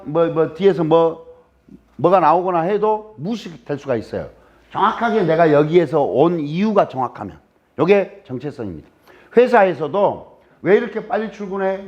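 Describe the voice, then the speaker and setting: A man with a Jeolla Korean accent giving a humorous lecture in a lecture room, teasing the audience and throwing rhetorical questions at them. His voice sits high and swings up and down in animated waves. The recording sounds dull and lo-fi. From Jeolla, South Korea. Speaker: guest lecturer.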